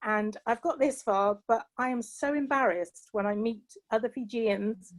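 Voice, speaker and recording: A middle-aged Englishwoman with a British accent, speaking as a panel guest in a slightly high, unhurried voice. She shares personal reflections earnestly and from the heart, often saying "you know."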